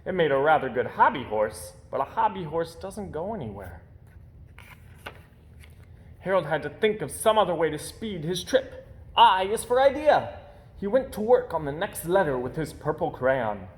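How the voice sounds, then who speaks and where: A man reads a children's picture book aloud at normal speed in a fairly high voice. He's an expressive storyteller who gives key words theatrical emphasis.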